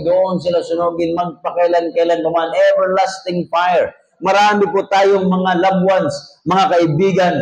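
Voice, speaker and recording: A man's voice: high voice, echoey room, highs cut off. A man with a Filipino accent, a pastor preaching a sermon, telling jokey stories and reading scripture in English.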